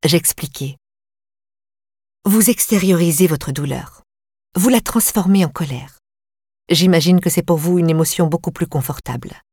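A woman narrating a first-person audiobook in an even, measured voice. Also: fairly low pitch, breathy edge, no echo, clean studio sound. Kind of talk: audiobook reading.

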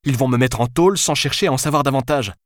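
A man's voice: fairly low pitch, fairly quick, no room sound, studio quality, close to an everyday voice. A man reading an audiobook, voicing a panicked young female police detective who talks urgently and snaps at people. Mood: desperate. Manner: urgent, desperate, snapping.

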